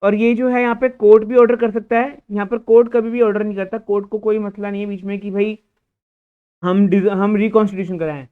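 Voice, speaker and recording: A man's voice: high-pitched, level tone, a little fast, smooth. A man teaching an accounting class, who poses questions and answers them himself. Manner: explains by asking and answering his own questions; scolds a student. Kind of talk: classroom lecture. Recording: tinny, phone-like lecture recording.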